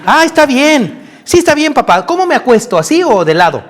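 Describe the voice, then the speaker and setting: A man voicing an obedient, curious young boy with a high, questioning voice in a sermon retelling. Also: sing-song, brisk, a bit bright, exaggerated voice. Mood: cheerful.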